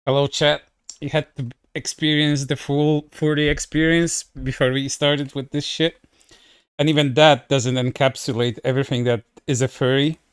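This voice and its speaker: A man's voice: medium pitch, flat delivery, moderate pace, clear, resonant tone, no echo, studio quality. A man chatting casually on a livestream, speaking bluntly and crudely in a scornful way into a headset mic.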